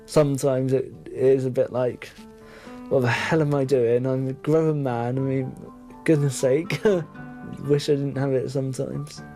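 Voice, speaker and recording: A man's voice: medium pitch, steady tone, a little slow, dark tone, faint music behind. A young British man of twenty speaking in a self-conscious, wry way. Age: 20s.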